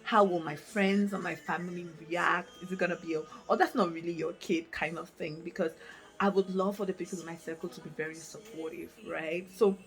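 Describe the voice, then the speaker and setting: A woman in her late twenties from Africa talks candidly to camera in a casual vlog, thinking aloud with many fillers and restarts as she reflects. Her voice is fairly low in pitch, fairly even in intonation and fairly quick. She reads from notes into a camera mic, and the recording quality is low.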